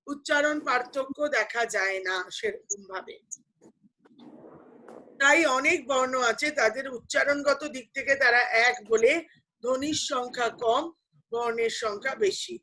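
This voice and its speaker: A woman's voice: high-pitched, bright, forceful tone, low-quality recording. A woman teacher explaining grammar to students, patiently asking questions and answering them herself. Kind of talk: online class lecture.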